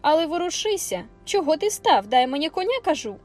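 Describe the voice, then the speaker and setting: A haughty little girl with a shrill, high voice barks orders and huffs in indignation, as a woman reading the book puts her on. Faint music plays softly behind the audiobook reading. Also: expressive, moderate pace. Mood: bossy. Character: spoiled bossy young girl, haughty and tearful. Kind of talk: audiobook character voice.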